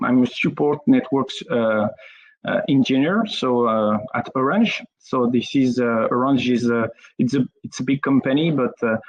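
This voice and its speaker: A man with a French accent giving a technical presentation as a network engineer, hesitant and full of fillers. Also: mid-range voice. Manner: hesitant, many fillers, apologetic. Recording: dull lo-fi sound.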